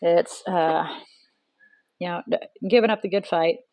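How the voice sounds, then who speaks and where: A woman with a fairly low voice talks through a tarot reading in a relaxed, chatty way. She thinks aloud, often pausing with ums and restarting her sentences. The sound is close and dry, with no room echo. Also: creaky. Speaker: tarot reader.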